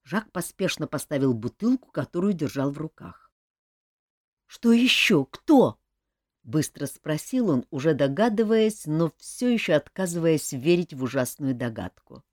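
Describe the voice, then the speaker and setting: A woman narrating a fantasy audiobook in an expressive storytelling manner. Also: low voice, normal speed, no room sound, studio quality.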